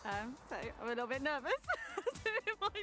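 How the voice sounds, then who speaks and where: High, lively young British woman. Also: fast talker, over music. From Warminster, England. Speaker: bride-to-be. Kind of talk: casual interview chat.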